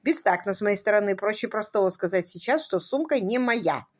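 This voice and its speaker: A woman voicing a cool, cynical gentleman motorist with a dry, ironic manner in a read-aloud story. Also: mid-range voice, expressive, brisk, breathy edge.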